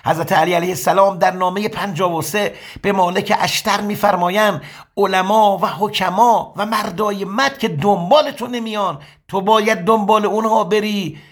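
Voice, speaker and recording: Male preacher, fairly high husky voice, quotes scripture and then explains it. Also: steady tone, a bit bright. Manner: sermon-like, quoting Arabic passages then explaining them. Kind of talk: religious lecture on scripture.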